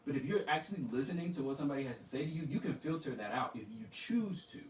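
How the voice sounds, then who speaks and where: A man's voice: fairly high pitch, rapid-fire. A man co-hosting a podcast, arguing his point emphatically in a heated casual discussion. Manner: emphatic, argumentative, animated quoting of others. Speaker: podcast co-host. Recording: echoey room, far from mic, faint noise.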